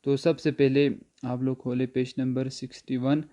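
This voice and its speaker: A male teacher leads an online language lesson in a smooth, resonant voice. His tone is mellow, and he keeps asking the class questions before answering them slowly. He often spells words out letter by letter, with many hesitation sounds. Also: mid-range voice, flat delivery.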